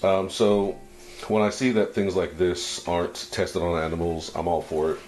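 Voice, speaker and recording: A man giving casual unboxing commentary as a fragrance reviewer, laid-back and approving, thinking aloud in short, halting phrases. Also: sits low, level tone, darkish tone, soft background music.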